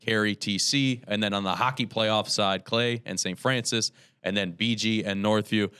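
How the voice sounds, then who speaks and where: A man hosting a local sports show, brisk and upbeat as he runs through the game schedule. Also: fairly low pitch, fairly even intonation, sharp tone, smooth.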